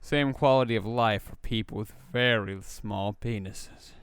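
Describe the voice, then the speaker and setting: A man's voice: lowish voice, a little slow, a bit bright, slight background noise. A young man co-hosting a casual podcast, rambling with lots of fillers and crude jokes. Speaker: podcast co-host. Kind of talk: casual chat.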